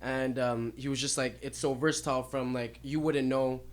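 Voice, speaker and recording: A man's voice: medium pitch, fairly even intonation, normal speed. A man being interviewed on a radio show about his music, talking candidly and easily with plenty of ums and likes. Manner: candid, laid-back, frequent um and like. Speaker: music artist guest. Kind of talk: casual interview. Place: radio studio.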